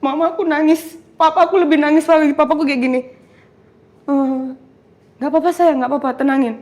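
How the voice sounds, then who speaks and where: A young woman, somewhat high-voiced, tells her testimony with lively, animated storytelling. She acts out the voices in her story and mixes in English phrases as she goes. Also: brisk. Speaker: guest giving a testimony. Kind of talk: emotional testimony interview.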